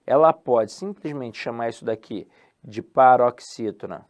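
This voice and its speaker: Man teaching with stretched emphasis. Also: medium pitch. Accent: Brazilian Portuguese. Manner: lively, drawn-out emphasis on key words, asks and answers his own questions. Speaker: Portuguese language teacher. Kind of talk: exam-prep video lesson.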